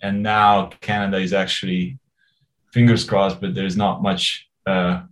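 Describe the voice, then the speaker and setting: A man's voice: low-pitched, level tone, measured pace, poor audio. A man in his forties from Hungary, a guest in an interview, talking in a rambling, hesitant way and laughing often. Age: 40s. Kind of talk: casual conversational interview.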